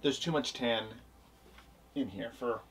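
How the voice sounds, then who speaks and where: A man's voice: mid-range voice, unhurried, a bit bright, slight background noise. A young man co-hosting a casual boat tour, upbeat and teasing, often laughing. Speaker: boat-owning video host. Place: small wooden boat cabin, indoors. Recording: voice a bit distant, faint music behind.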